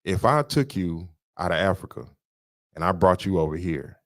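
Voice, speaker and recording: A man's voice: sits low, expressive, normal speed, no room sound, clean studio sound. A man co-hosting a podcast, lecturing in an emphatic way and repeating his points. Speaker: podcast co-host. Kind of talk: casual political talk.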